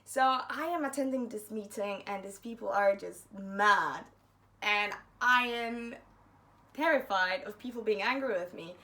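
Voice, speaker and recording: A woman's voice: medium pitch, a little slow, bright, forceful tone. Young woman, chatty storytime vlog, self-mocking, acts out quotes. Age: young adult. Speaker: university student vlogger.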